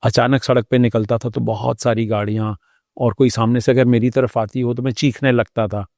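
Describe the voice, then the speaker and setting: A man, a doctor, telling his personal story as an interview guest, thoughtful and unhurried, with pauses and hesitations. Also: mid-range voice, flat delivery, creaky, darkish tone, dry recording, studio quality.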